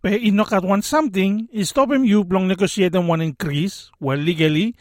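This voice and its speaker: A man's voice: high-pitched, fairly quick, dry recording, studio quality. A man with a Solomon Islands accent presenting a scripted explainer in Solomon Islands Pidgin. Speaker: radio presenter.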